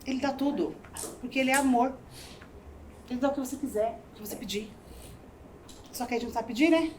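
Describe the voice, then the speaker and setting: A woman's voice: high voice, fast talker, a little hiss or hum. A middle-aged woman giving a motivational talk, telling personal stories with acted-out dialogue and checking in with the audience. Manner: animated storyteller, acts out quoted dialogue; addresses audience with "né?" and "tá?". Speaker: speaker at a seminar. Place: event hall with audience.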